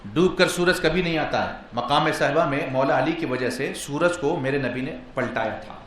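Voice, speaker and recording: Impassioned male preacher in an echoey hall. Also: normal speed. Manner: swings from soft talk to loud, high-pitched preaching; acts out dialogue in a storytelling way. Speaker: Islamic preacher. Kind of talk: sermon.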